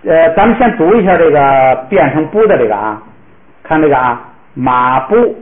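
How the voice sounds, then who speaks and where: A man teaching a classroom pronunciation lesson, patiently modeling words slowly for the class to repeat. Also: a little high, big pitch swings. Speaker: language teacher. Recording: echoey room, tinny phone-like sound.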